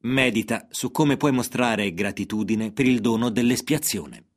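Guy reading a church lesson out loud, steady even delivery, mid pitch. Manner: measured, even reading of a parable and scripture. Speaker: narrator. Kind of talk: scripted religious reading.

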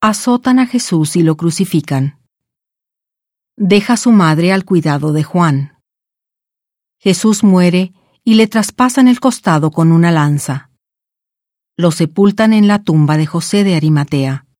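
A woman reading a chapter heading and summary in a plain, even manner. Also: lowish voice, unhurried, pauses often, no echo, studio quality. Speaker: chapter announcer.

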